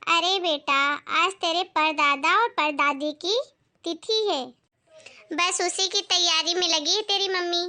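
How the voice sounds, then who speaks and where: A woman voicing a gentle elderly grandmother in a comedy family skit, speaking softly and slowly. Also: very high voice, fairly even intonation, heavily acted. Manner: soft, slow and pleading. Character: elderly grandmother, meek and gentle mother-in-law.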